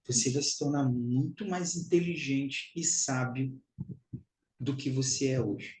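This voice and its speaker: A man's voice: high voice, a little mellow, reverberant, low-quality recording. A Brazilian man giving a spiritual teaching talk, emphatic and repetitive, calling his listeners brothers and sisters.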